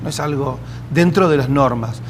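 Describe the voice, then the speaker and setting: A man whose first language is Hebrew, speaking as a community-building expert, thoughtful and pausing with fillers. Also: medium pitch, a little hiss or hum. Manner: thoughtful, hesitant fillers, practical examples. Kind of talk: reflective interview answers.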